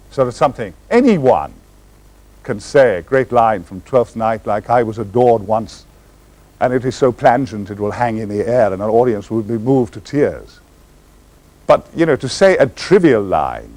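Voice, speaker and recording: On a stage before a live audience, a man performs as a storytelling actor, sharing a theatrical anecdote. He speaks in a lively, swooping way, pitch leaping suddenly, and lands his jokes with well-timed pauses. His language is rich, florid and grandly ornate.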